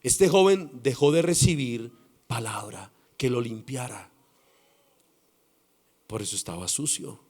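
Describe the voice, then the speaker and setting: A man with a Colombian accent preaching a sermon as pastor, dramatic and swinging between loud passages and hushed ones. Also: medium pitch, measured pace, long pauses.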